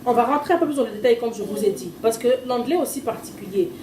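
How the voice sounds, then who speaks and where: A woman, a parent teaching her child to read at home, explaining in an informal tutorial and slowly sounding out letters and syllables. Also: on the high side, animated, mellow, a little hiss or hum. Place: at home with a small child nearby. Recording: echoey room, mic far off, faint ambience.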